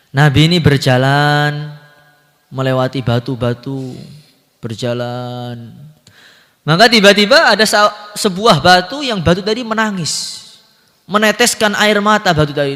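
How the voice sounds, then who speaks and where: A male preacher with a bright, forceful voice delivers a dramatic sermon story. His phrases swell and then fall away to near-whispered endings. A long hall reverb trails after each line. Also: medium pitch.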